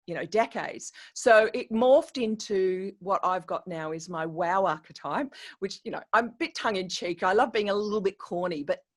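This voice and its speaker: Appearing on a podcast interview, this middle-aged coach and educator from Australia recounts her story in a lively, talkative manner. Her mid-range voice moves at normal speed, often restarting and peppered with fillers.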